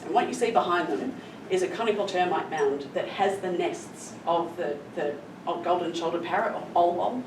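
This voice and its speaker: A woman's voice: lowish voice, moderate pace, few pauses. A middle-aged woman giving an explanatory public presentation as a conservation scientist, telling the story in an earnest, emphatic way. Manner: earnest, emphatic with stressed adverbs. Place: echoey room, recorded from a distance. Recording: roomy echo, distant mic, clear background noise.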